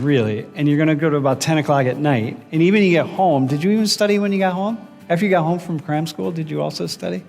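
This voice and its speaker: Animated professor in a lecture hall. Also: male voice, a little high. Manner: animated, questions students directly, restarts sentences. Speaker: university professor. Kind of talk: classroom lecture. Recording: reverberant lecture hall with background music.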